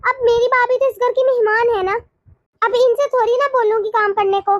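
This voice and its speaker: A woman voicing a brisk, domineering young married woman in a storybook cartoon. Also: very high voice, steady tone, no echo, highs cut off. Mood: scolding. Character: bossy young married woman, household head. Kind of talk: animated cartoon dialogue.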